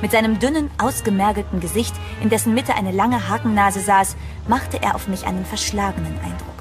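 The voice is a woman's, medium in pitch, a little fast and lightly acted, as an actress portrays an anxious woman recounting her own horror story. It's scripted first-person narration for a German horror audio drama in a dramatic radio play style. Prominent music backs a tense, suspenseful atmosphere.

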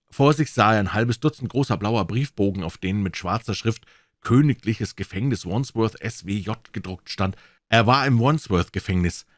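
A man with a very low voice reads a crime story aloud. His delivery is expressive and rises and falls widely, and the sound is close and dry. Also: no room sound. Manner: dramatic, expressive reading. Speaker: audiobook reader. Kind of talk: scripted narration of a classic crime story.

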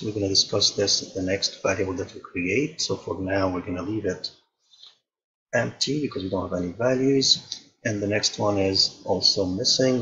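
A man calmly explaining software settings step by step, thinking aloud as he goes, in a tutorial voice-over. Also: on the low side, dull audio. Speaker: instructor.

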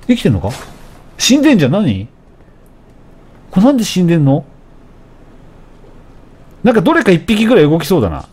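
A man giving casual, animated commentary while playing a game, often taunting enemies and shouting at the screen. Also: high voice, brisk, pauses often, husky. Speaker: let's play commentator.

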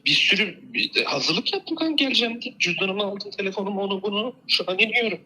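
A young man comes through a phone on speaker, rattling off what he grabbed before leaving. His voice is quick and bright, with a lively, bouncing pitch. He talks in loose, slangy, offhand chat. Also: rough recording. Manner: rambling and slangy, listing what he packed. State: on his way out of an apartment building. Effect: heard over a phone on speaker. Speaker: friend on a call. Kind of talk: casual chat.

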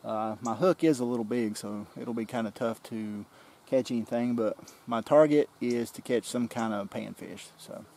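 Fishing a creek outdoors, a relaxed forties-aged vlogger explains his approach directly to a camera nearby, its mounted mic framing him closely. He talks at a normal speed in a medium pitch with hardly any pauses, over faint nature ambience and a little hiss or hum.

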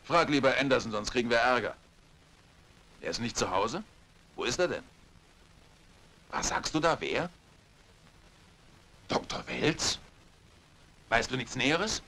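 A man's voice: mid-range voice, expressive, unhurried, creaky, pauses often, bright, forceful tone, heavily acted, rough recording. An actor, a man, playing an earnest, uneasy police detective in a dubbed vintage thriller film. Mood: tense, businesslike.

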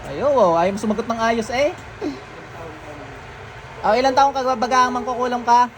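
A faith healer, sternly questioning a patient and murmuring ritual chants during a healing session at home. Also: male voice, very high voice, moderate pace, a bit bright, slight background noise.

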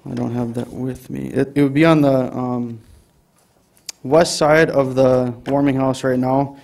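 A man's voice: mid-range voice, steady tone, a little slow, gravelly, a little mellow. Hesitant man presenting at a council meeting. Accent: Upper Midwest American. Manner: hesitant, many fillers. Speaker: city staff presenting to council. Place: council chamber.

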